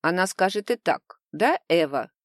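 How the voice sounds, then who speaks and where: A woman's voice: fairly low pitch, lively intonation, normal speed, no room sound, studio quality, natural voice. A woman voicing a sly, pushy young man who likes to interrogate others and speaks in a taunting, mocking way. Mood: prying.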